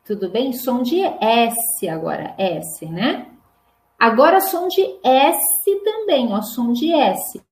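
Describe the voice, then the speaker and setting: Brazilian woman, language teacher; very slow, drilled word-by-word delivery, echoey room. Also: on the high side, sing-song. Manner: slow, drawn-out repetition of single words. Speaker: Portuguese teacher. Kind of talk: pronunciation lesson for learners. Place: classroom with whiteboard.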